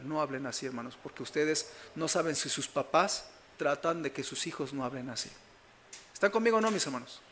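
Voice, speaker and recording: Mexican pastor guy preaching, pretty high voice for a man, keeps asking the church if they're with him. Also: a bit bright. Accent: Mexican Spanish. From Mexico City. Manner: keeps asking the congregation whether they follow him. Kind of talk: sermon.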